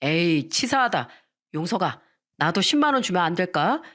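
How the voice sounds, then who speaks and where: A woman's voice: lowish voice, sing-song, normal speed, fairly bright tone. A woman doing a fawning older brother-in-law. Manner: wheedling, eager to please.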